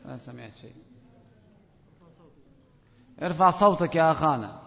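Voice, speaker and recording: Male instructor, high-pitched, playful and bossy, dull recording from a reverberant hall. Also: animated, normal speed, vocal fry, bright, forceful tone. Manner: playful, teasing, commanding. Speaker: teacher quizzing students. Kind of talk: Arabic grammar class.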